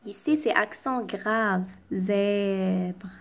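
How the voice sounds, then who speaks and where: Woman teacher, very slow deliberate speech, high voice, repeats each word clearly. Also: expressive. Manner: slow, articulated dictation-like delivery, repeating words. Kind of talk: slow, careful classroom reading and explanation.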